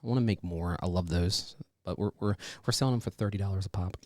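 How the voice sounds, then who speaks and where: A man's voice: sits low, quick pace, no echo, studio quality. A man hosting a podcast in casual, profane, slangy chat, often addressing his listeners as guys. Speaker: podcast host.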